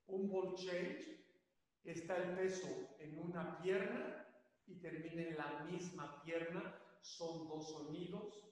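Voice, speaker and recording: Older tap teacher, echoey studio. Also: male voice, a little high, steady tone, slow pace, a little mellow. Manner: explanatory, repeats step names to demonstrate. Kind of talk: spoken dance lesson. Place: dance studio. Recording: very echoey studio, long reverb.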